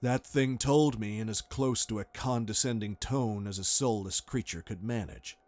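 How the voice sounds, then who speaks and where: A man's voice: lowish voice, moderate pace, a little mellow, a little hiss or hum. A man reading a first-person horror story aloud in a tense, dramatic way. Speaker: narrator. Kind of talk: scripted horror narration.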